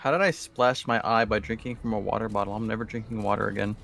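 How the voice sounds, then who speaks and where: A man's voice: fairly low pitch, fairly even intonation, fast, gravelly, fairly bright tone, slight background noise. A British man joking drily with friends during a live game stream. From Britain. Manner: dry joking remarks.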